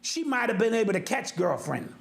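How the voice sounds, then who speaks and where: A middle-aged man co-hosting a casual podcast with his son, talking in an emphatic, animated way. His voice sits high for a man and swings widely in pitch, rising and dropping as he makes each point. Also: fairly quick, gravelly. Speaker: podcast co-host, father. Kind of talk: casual chat.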